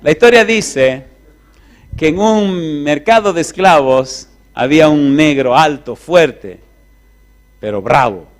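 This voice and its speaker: A man preaching, telling a story to a congregation in an animated, drawn-out way with asides to the listeners. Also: a little high. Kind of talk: sermon storytelling.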